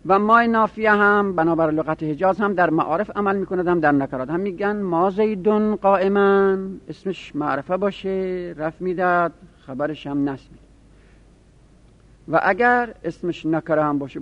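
A fairly high-voiced man teaching an Arabic grammar lesson in a seminary style. He walks through the rules and says each example phrase slowly, with care. The recording sounds dull and lo-fi. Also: fairly bright tone.

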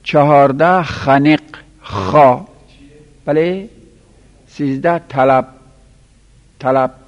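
A man teaching a class, counting out items one by one and spelling their letters slowly for students to write down. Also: mid-range voice. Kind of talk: classroom lesson dictating Arabic verbal nouns. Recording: lo-fi recording in a reverberant room.

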